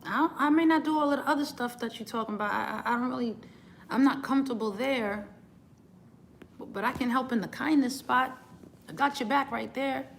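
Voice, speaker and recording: A woman's voice: on the high side, fairly quick, vocal fry, a little hiss or hum. A woman, a singer, giving an earnest motivational talk, often repeating words as she starts a thought.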